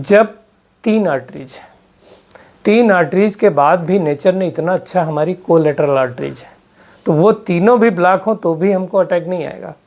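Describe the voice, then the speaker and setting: In a creaky, slightly high voice with a darkish tone, a man gives a spiritual health talk to a live audience as their spiritual teacher. He keeps putting questions to them and slips English terms into what he says.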